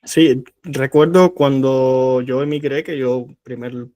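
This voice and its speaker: A man hosting a podcast interview, sharing his own story in a measured, reflective way before inviting his guest to talk. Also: medium pitch, fairly even intonation, dark tone, no room sound. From Cuba. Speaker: podcast host. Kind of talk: interview conversation.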